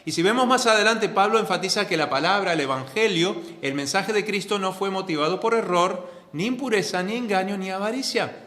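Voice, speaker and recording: Earnest Spanish pastor in an echoey church. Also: male voice, fairly quick, few pauses. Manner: earnest, repeats key phrases for emphasis; swings between loud stresses and soft, low asides. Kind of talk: sermon. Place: church sanctuary.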